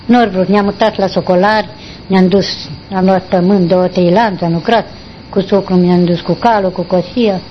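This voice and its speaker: An older woman, recalling her past in a rambling, halting way during an interview. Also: mid-range voice, fairly even intonation, a little hiss or hum. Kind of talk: oral history recollection. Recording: dull lo-fi recording.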